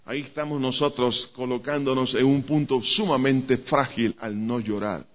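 A man's voice: medium pitch, fairly even intonation, moderate pace. A man preaching a sermon to a congregation, speaking emphatically and addressing listeners directly. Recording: dull lo-fi church recording.

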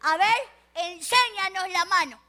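A woman voicing a gang of big male thugs in a storytelling show, with a menacing, shouting manner. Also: very high voice, unhurried, heavily acted.

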